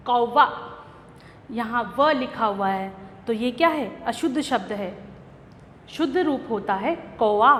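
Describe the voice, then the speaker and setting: Slow-speaking woman teacher. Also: a little high, fairly bright tone, echoey room, in a large hall, slight background noise. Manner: slow, patient explaining to young children. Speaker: school teacher. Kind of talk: online grammar lesson.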